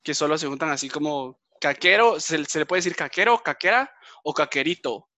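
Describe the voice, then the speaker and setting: A man's voice: fairly high pitch, animated, brisk, pushed and bright. A man, hosting a podcast and asking his guest questions in casual chat. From Guatemala. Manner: asks questions, chatty. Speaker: podcast host.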